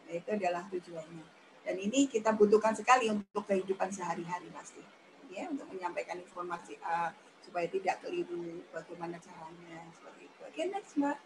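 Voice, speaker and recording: A woman's voice: a little fast, noisy background. A woman giving a talk on public speaking in a chatty, demonstrative teaching manner. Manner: chatty, demonstrative, acts out high-pitched examples. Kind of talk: radio talk lesson.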